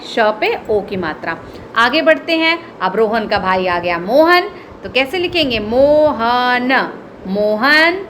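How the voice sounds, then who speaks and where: A woman's voice: high voice, a bit bright, slight background noise. A woman teacher giving an online reading lesson to children, sounding out words one at a time. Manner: slow, word-by-word dictation-style reading.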